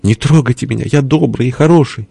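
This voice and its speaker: A man voicing a tiny, cowardly male ruler who squeaks and whimpers. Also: fast talker, vocal fry, dark tone, slightly rough, no echo. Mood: whiny. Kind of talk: audiobook character voice.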